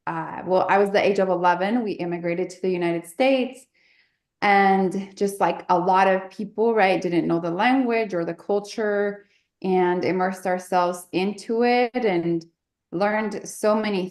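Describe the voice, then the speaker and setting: A woman from Mexico, a guest in an interview, speaking slowly and thoughtfully with many fillers. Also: on the low side, darkish tone, roomy sound. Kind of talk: interview conversation.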